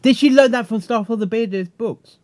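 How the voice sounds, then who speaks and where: A man's voice: extremely high pitch, normal speed, background noise. A man in casual commentary chat, inquisitive and asking many questions. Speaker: co-host reviewing a cartoon episode.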